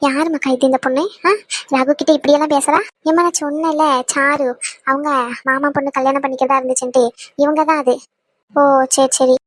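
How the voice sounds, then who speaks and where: A woman's voice: high voice, little pitch movement, a little fast, dry recording, studio quality, lightly acted. A woman voicing a fussing, affectionate middle-aged mother of the bride in a cartoon. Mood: fussy.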